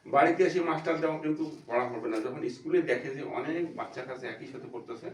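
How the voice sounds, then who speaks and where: A man's voice: on the high side, fast talker, slight background noise. A man giving a devotional talk, earnest and repeating phrases for emphasis. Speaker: religious speaker. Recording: echoey room, voice from far off.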